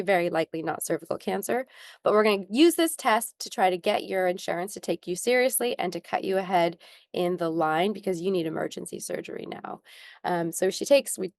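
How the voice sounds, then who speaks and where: Her voice is lowish and a little mellow, captured with no room sound. As an interview guest, this young skincare founder relates a personal story with earnestness and lots of ums, sometimes coming close to tears.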